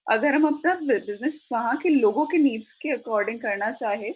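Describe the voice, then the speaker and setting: A woman's voice: fairly high pitch, normal speed, husky, muffled recording. A woman moderating an online session, reading out audience questions. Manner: reads questions aloud, apologetic. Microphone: video call.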